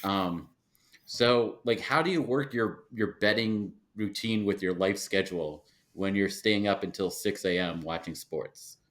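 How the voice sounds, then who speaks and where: Low-voiced easygoing male host. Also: measured pace, a bit bright. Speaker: podcast host. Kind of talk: casual interview chat.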